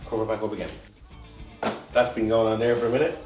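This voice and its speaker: A man's voice: lowish voice, steady tone, quick pace, darkish tone, reverberant, faint music behind. A man hosting a casual cooking show, joking and rambling as he cooks.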